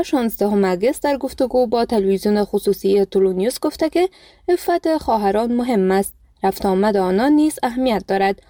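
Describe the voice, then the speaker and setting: A woman's voice: on the high side, dry recording, studio quality. Woman reading Afghan Dari news. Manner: even, formal read delivery. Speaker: news reader. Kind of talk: scripted news narration. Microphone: studio mic.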